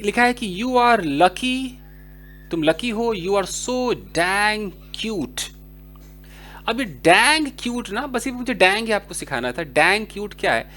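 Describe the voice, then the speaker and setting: A man gives a casual English lesson, talking straight to his viewers. His pitch swings widely as he acts out short example dialogues in different voices. His delivery is chatty and explanatory. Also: sharp tone. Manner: chatty, addresses viewers directly. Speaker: English teacher.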